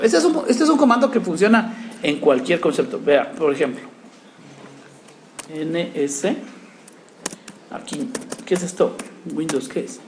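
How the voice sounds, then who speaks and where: High-voiced man teaching in an echoey classroom. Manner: constant check-ins with the class, talks while typing commands. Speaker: networking instructor. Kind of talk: classroom lecture with live demo. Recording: echoey classroom with faint room noise.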